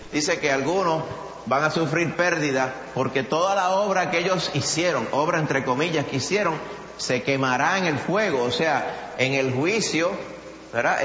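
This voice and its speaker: A man with a Puerto Rican Spanish accent preaching a sermon, animated, acting out quotes with a rising voice. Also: medium pitch, normal speed. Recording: echoey hall, dull sound, faint noise.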